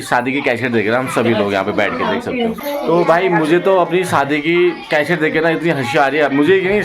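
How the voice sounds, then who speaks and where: A man with a Kumaoni-tinged Hindi accent chatting casually and laughing as he vlogs to viewers from his family home on a phone camera, over a background music track. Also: fairly high pitch. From Uttarakhand, India. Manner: chatty, laughing, addresses viewers as guys and friends. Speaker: vlogger. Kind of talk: casual vlog chat.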